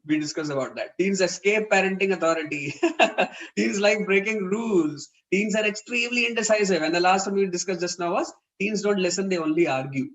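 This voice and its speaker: A man's voice: high voice, a bit bright, poor audio. A man with an Indian English accent giving an earnest, explanatory parenting talk in an online webinar. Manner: earnest, explanatory, acts out quoted dialogue.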